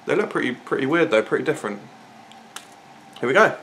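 A man's voice: medium pitch, animated, a little fast, fairly bright tone, slight background noise. A British man in his thirties giving a casual, informal food review to camera, thinking aloud in a living room. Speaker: food reviewer, video host. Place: small living room, sofa, indoors.

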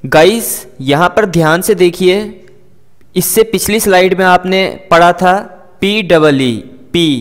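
A man's voice: sits high, in a large hall. A man teaching English words with their meanings, saying each word and its meaning twice and explaining pronunciation to students. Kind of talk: vocabulary lesson.

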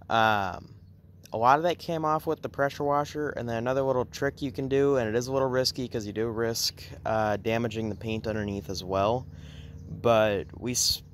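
A man's voice: on the low side, a little hiss or hum. A man casually narrating an outdoor car restoration walkaround, rambling with fillers and restarts, filmed on a handheld phone. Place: outdoors on a grassy yard beside a car.

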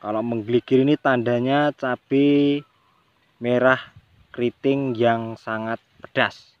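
A man's voice: medium pitch, steady tone, slow, clear, resonant tone, dry recording, dull audio. A man, a chili farmer giving a casual tutorial vlog outdoors in his field and chatting to viewers with a friendly filler word. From Central Java, Indonesia. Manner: chatty, addresses viewers as "Lur" often.

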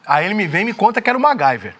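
Male host, Brazilian accent, fast excitable talk, bright forceful tone, swears a lot. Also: high-pitched. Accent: Brazilian Portuguese. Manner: excitable, profane storytelling. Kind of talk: casual interview chat.

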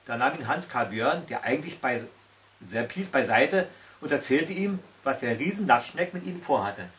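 A man in his sixties tells a fairy tale aloud at home, recorded from a distance in a small corner by a tiled stove. His medium-pitched, slightly bright voice is expressive and moves at a moderate pace.

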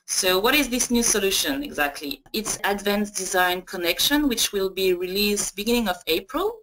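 A woman's voice: mid-range voice, fairly bright tone, slight background noise, poor audio. A woman hosting a webinar, giving an introduction to a presentation. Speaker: marketing manager hosting webinar.

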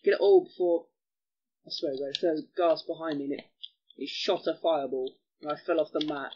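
A man giving chatty gameplay commentary as host of a gaming channel, excitable and given to mild cursing. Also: on the high side, normal speed, breathy edge, muffled recording.

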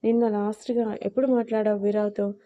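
A protective, shrewd male friend in a storybook tale, voiced by a woman narrator. He asks firm, probing questions in a dark, mellow voice with little rise and fall. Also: mid-range voice, little pitch movement, fairly quick, lo-fi sound, natural voice.

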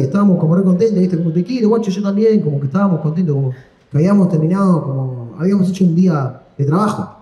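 A man's voice: high-pitched, mellow, a little hiss or hum. A young man with an Argentine accent telling a rambling, slangy, self-deprecating story onstage as a stand-up comedian. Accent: Argentine Spanish. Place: comedy stage. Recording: echoey live room.

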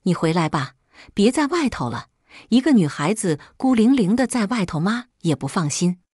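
A woman's voice: medium pitch, sing-song, normal speed, darkish tone, breathy edge, dry recording, clean studio sound. A woman voicing a scheming middle-aged mother who coaxes and pleads with her daughter. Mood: coaxing. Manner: coaxing, pleading.

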